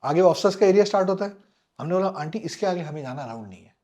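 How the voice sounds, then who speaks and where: A middle-aged man with a fairly high voice spins a lively anecdote as a podcast guest. He slips between Hindi and English and mimics the people in his story. He chuckles as he goes. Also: quick pace. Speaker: podcast guest, former air force officer.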